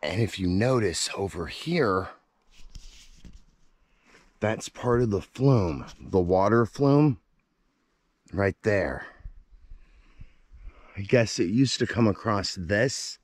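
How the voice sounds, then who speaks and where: A farm-worker vlogger in his forties talks casually to a handheld camera held at arm's length, narrating outdoors across a farm and hillside. His lowish, husky voice is animated but slow, with frequent pauses. The recording is noisy.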